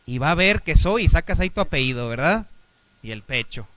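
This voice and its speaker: Man, Mexican Spanish accent, pastor, sermon, rhetorical questions, loud then quiet delivery, fairly high voice, dry recording. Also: lively intonation, fast, no echo. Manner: preaching with swings between loud exhortation and quiet asides.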